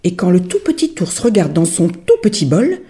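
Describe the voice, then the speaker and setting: A woman storyteller reading a children's story aloud in an expressive, sing-song manner. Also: lowish voice, normal speed.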